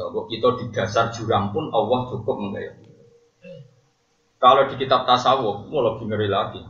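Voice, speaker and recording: A man with a Javanese accent leads a religious lesson, mixing jokes and frequent laughter with slow, chanted verses. His voice comes from a distance and echoes around a large hall. The sound is dull and muffled. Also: fairly low pitch, a bit bright. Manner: joking, laughing often, chanting Arabic verses slowly. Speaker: religious teacher. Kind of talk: religious study lecture.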